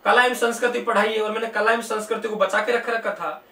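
A man teaching an exam-prep lesson through a memory story, reciting slowly and asking questions that he answers himself. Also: high voice, steady tone, pushed and bright. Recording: echoey room, mic at a distance.

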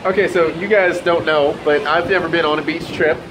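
On vacation, this twenty-something fishing vlogger with a Southern US accent holds his camera at arm's length and talks casually, full of wonder, from a condo balcony, a beach and a large store. He sounds a little high and a little fast, fairly even in intonation, with noise around him.

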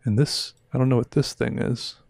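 Reviewing viewer art on a casual livestream, this thirty-something man with a slightly sore throat chats, rambles, and cuts himself off. His voice is creaky and medium-pitched, with fairly even intonation at a moderate pace. A headset boom mic in a small room gives a dry recording.

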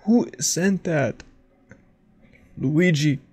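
A man's voice: fairly high pitch, drawn-out words, a little mellow, husky. A young man giving casual, incredulous reaction commentary in short exclamations, close-miked in a small padded room. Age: young adult. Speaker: host of a reaction show. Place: small foam-padded home studio.

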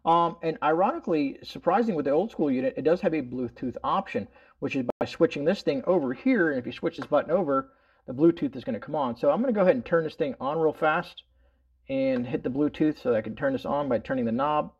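On lo-fi audio, a middle-aged man's husky, somewhat high voice talks fast as he casually demonstrates a product indoors at home. He hosts a prepping product review channel and explains informally, rambling and leaning on verbal tags.

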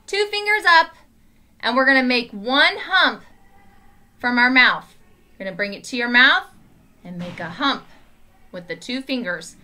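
A woman in her thirties leads a children's phonics lesson in a bright, forceful voice. She models speech slowly and with exaggeration, leaving space for each sound. She is recorded in a small room. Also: on the high side, expressive. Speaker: teacher.

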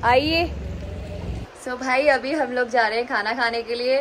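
A woman's voice: high voice, a little slow, noisy background. A young woman casually narrating a travel vlog to her phone camera as she walks through a hotel and night streets. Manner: chatty, narrating to camera while walking. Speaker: vlogger. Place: hotel room and night streets of a hill town. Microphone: phone held at arm's length. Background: background music.

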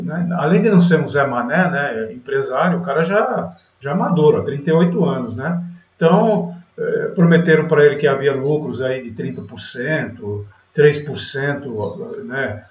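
A man's voice: mid-range voice, a little mellow. A man from Brazil hosting a day trading channel, talking over a screen recording of market charts in a chatty, filler-heavy way. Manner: chatty, filler-heavy, keeps saying "galera" and "né". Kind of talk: screen-share market commentary. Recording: roomy, distant, dull lo-fi mic.

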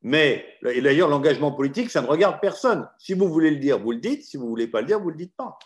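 A man's voice: on the high side, quick pace. A middle-aged man, a law professor and arbitrator, giving frank, opinionated answers to student questions in an online session. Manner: frank, opinionated, lively explanations.

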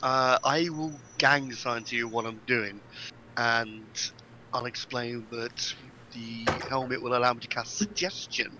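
A man's voice: mid-range voice, fairly even intonation, a little slow, noisy background. A man playing a tabletop game, describing his character's actions in a hesitant way with many restarts. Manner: hesitant, restarts and ums while planning. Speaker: player. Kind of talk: casual tabletop game play.

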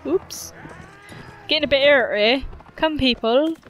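A woman's voice: high voice, normal speed. A woman giving casual gameplay commentary, playful, cheerfully swearing and humming to herself. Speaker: gaming channel host.

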